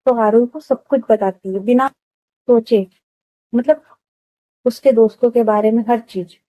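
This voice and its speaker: A woman with a hoarse throat narrating a love story in a chatty, casual way, stopping to talk to listeners. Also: a little high, unhurried, dry recording, lo-fi sound. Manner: chatty, stops to address listeners.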